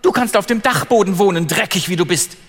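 A man voicing a spiteful young stepsister who sneers in a shrill voice. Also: a little fast, fairly bright tone, slightly rough. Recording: long hall reverb, faint music.

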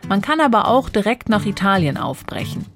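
A woman reading a scripted book review in a calm, even way. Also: mid-range voice, a little fast. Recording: guitar music under the voice.

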